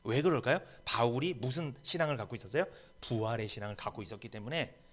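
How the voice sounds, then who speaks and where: A man's voice: mid-range voice, quick pace. A man preaching a sermon as pastor, emphatic and rising to bold proclamations in a church. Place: church sanctuary.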